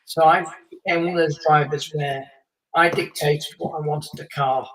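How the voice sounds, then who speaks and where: A man's voice: on the high side, fairly even intonation, normal speed, a bit bright, far from the mic, low-quality recording. A man in his late fifties, a guest on a live chat, telling long stories with many fillers and small laughs. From England. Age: 50s. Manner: rambling storyteller with fillers and laughs. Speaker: guest, former racing driver.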